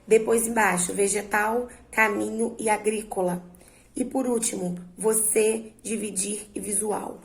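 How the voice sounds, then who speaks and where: A woman teacher slowly and patiently walking her students through a worksheet, drawing out words to stress their syllables. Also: medium pitch, fairly even intonation, creaky, echoey room, low-quality recording. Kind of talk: remote lesson walking students through exercises.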